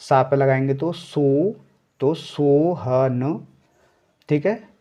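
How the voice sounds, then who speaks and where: Slow, patient man teaching reading. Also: mid-range voice, dark tone. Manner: spells words syllable by syllable, then says them whole; checks in with a frequent "ठीक है". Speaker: Hindi teacher. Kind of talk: slow step-by-step reading lesson.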